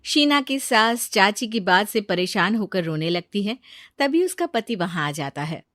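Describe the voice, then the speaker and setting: A woman narrating a cartoon story in an even storytelling delivery. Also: medium pitch, unhurried, dry recording, studio quality.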